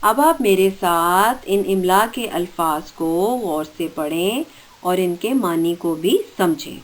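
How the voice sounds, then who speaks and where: A woman's voice: fairly low pitch, animated. Woman teacher dictating vocabulary. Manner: reads vocabulary words then gives meanings; slow deliberate dictation pace. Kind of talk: online school lesson.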